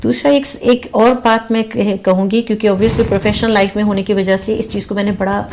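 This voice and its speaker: A woman's voice: medium pitch, steady tone, background noise. An earnest woman guest reflecting in conversation. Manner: earnest and reflective, mixes English words into Urdu. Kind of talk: casual chat.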